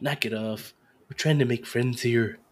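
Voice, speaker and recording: A man's voice: mid-range voice, fairly even intonation, measured pace, very noisy. A man playing a tabletop game, hesitant and flustered, with a lot of stammered restarts. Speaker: player. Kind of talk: casual tabletop role-play.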